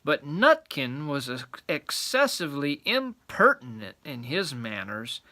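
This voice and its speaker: A man's voice: a little high, sing-song, a little slow, bright, forceful tone. A man narrating a children's storybook aloud in a grandfatherly storytelling manner.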